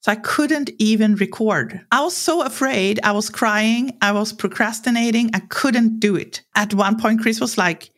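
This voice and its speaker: At a normal speed, with hardly a pause, a woman with a voice on the high side shares candid personal stories on a podcast. She is Swedish, in her forties, speaking accented English as a second language, and she laughs often and animatedly acts out people's words.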